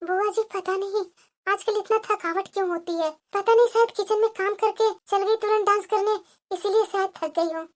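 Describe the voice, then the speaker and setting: A woman's voice: very high voice, fairly even intonation, moderate pace. Woman voicing a meek pleading cartoon daughter-in-law. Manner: soft, pleading, subdued. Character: meek young daughter-in-law, tired and hurt. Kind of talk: cartoon voice acting.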